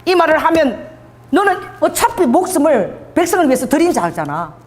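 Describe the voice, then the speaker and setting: A woman pastor preaching a sermon, with animated delivery that questions the congregation and calls for amen. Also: high voice, normal speed. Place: church sanctuary. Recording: long hall reverb in a church.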